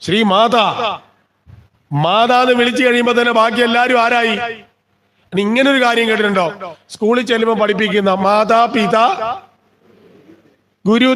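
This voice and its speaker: A man's voice: high-pitched, moderate pace, pauses often, fairly bright tone. A man giving a devotional scripture discourse at a temple, often asking the listeners questions and then answering them himself. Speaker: religious discourse speaker. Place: temple gathering.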